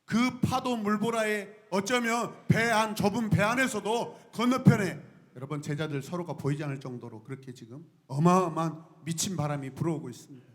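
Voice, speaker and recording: A man preaching a sermon to his congregation, lively and often shouting out cries and calling on the people to join in. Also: on the high side. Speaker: pastor.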